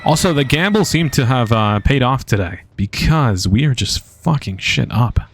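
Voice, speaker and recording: Excitable man doing gameplay commentary. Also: medium pitch, moderate pace. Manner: casual, excitable, swears often. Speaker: game streamer and video creator.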